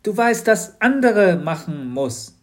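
A man voicing an eager, impatient little girl in a children's audiobook, loud and high. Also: very animated, slow pace, exaggerated voice. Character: excited cheeky little girl.

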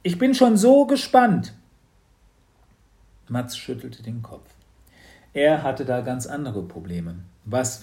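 A man narrating a children's audiobook with lively storytelling. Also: lowish voice.

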